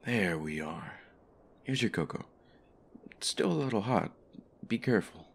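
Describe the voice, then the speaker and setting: A man playing a doting, possessive husband in a soft, intimate audio role-play, smothering the listener with affection and pet names. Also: fairly low pitch, expressive, measured pace, slightly rough, full character voice. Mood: tender, doting. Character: doting possessive husband, sweet-talking and clingy. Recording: faint background ambient noise.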